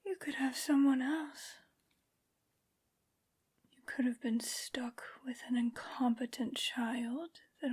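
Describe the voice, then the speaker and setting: A woman's voice: high-pitched, a little mellow, heavily acted. Woman playing whispering, haughty vampire Lady Dimitrescu. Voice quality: breathy, mostly whispered. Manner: slow, deliberate, condescending, drawn-out phrasing. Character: tall, evil, haughty aristocratic vampire woman, menacing. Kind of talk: soft-spoken ASMR villain roleplay.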